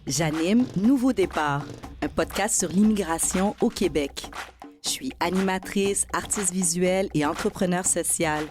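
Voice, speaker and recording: A woman's voice: fairly low pitch, measured pace, over music. A woman hosting a podcast interview, chatty and friendly, with restarts as she talks. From not born in Quebec. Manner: warm, chatty, with laughs and restarts. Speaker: podcast host. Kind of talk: conversational interview.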